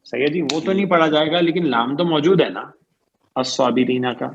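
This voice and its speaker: Higher-voiced male teacher, slow emphasis. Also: creaky, muffled recording, a little hiss or hum. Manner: slow, drawn-out emphasis on key terms; keeps quizzing students; repeats "ٹھیک ہے جی" and "صحیح ہے جی" often. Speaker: Arabic grammar teacher. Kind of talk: online grammar lecture.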